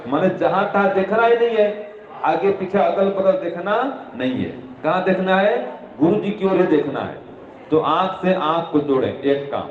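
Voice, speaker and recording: Guy with a high voice lecturing kids on study habits, repeats himself a lot, sounds like a phone line. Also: lively intonation, normal speed, a little hiss or hum. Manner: didactic, repeats key points, asks and answers own questions. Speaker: religious teacher addressing students. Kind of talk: spoken moral instruction. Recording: echoey room over a tinny phone-like line.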